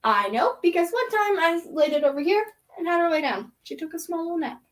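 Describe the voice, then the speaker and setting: A woman's voice: very high voice, lively intonation, fairly quick. A woman vlogging casually from a bedroom, rambling and chatty, slipping into baby talk with a toddler. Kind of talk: casual chat.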